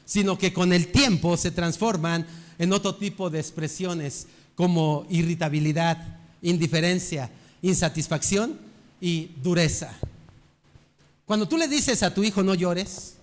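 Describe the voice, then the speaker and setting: An older pastor preaching a sermon in a fairly high voice. He talks earnestly and keeps asking his listeners rhetorical questions.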